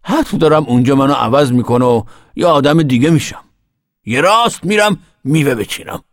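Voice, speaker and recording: A man's voice: fairly high pitch, expressive, no room sound, clean studio sound. An actor playing a cantankerous, foul-mouthed, mischievous old grandfather in a radio drama. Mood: boastful. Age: older. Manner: grumbling, foul-mouthed, boastful.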